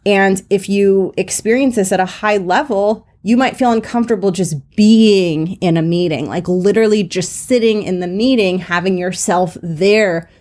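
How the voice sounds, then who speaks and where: A woman's voice: medium pitch, moderate pace, hardly any pauses, a little mellow. A woman hosting a solo podcast, teaching in an earnest, reassuring way, peppering her talk with "like" and "right?" and laughing at herself. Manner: earnest, reassuring, many "like" fillers and "right?" tags. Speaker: podcast host and confidence coach.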